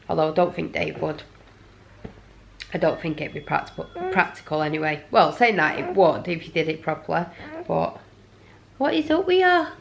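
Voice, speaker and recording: A woman's voice: deep voice, vocal fry. A tired woman rambling apologetically in a casual home vlog. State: exhausted. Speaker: parent vlogger. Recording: noisy home recording.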